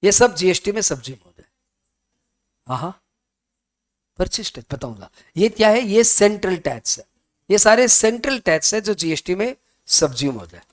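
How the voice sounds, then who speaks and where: A fairly high-voiced man gives a tax lecture. He talks in a loose, chatty way, keeps checking whether his students follow, and acts out their questions himself. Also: big pitch swings, normal speed, pauses often. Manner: chatty, mixes Hindi and English, asks students questions. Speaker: tax teacher. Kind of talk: classroom lecture.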